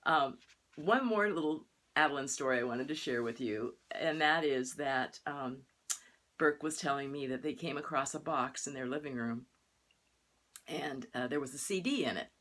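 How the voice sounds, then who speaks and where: Low-voiced older woman minister telling stories. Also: moderate pace. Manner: chatty storytelling, lively quoted voices. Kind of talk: sermon.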